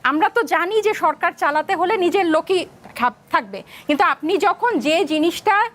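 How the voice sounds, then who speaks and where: A woman's voice: very high-pitched, animated, moderate pace, a bit bright. A woman with a Bangladeshi Bengali accent on a political talk show panel, arguing her case and slipping English phrases into her speech.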